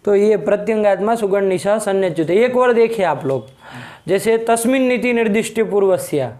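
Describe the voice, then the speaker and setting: A man's voice: high voice, lively intonation, normal speed, darkish tone. A man teaching a Sanskrit grammar lesson in a classroom, prompting students with questions and repeated checks for understanding.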